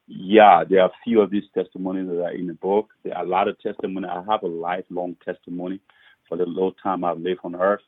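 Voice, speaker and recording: Low husky pastor from Liberia on a call. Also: male voice, level tone, fast, no echo. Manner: earnest, repeats words when starting sentences. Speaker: pastor and author. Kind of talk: podcast interview testimony. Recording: muffled phone-like line.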